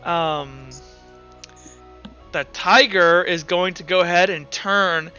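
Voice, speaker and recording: A man runs a tabletop roleplaying game as game master, casually narrating off the cuff and thinking aloud. He takes it slowly, his high voice smooth yet sharp in tone. Music plays behind a dull lo-fi voice track.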